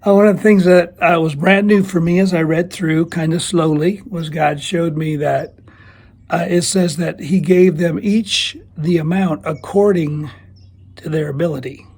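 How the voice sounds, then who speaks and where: A man talks in a thin, reedy squeak that runs somewhat high. His voice is husky and strained, as with a passing bug. He gives a casual devotional talk in a plain-spoken, self-deprecating, folksy way. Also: darkish tone. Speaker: church small-group leader giving a video teaching.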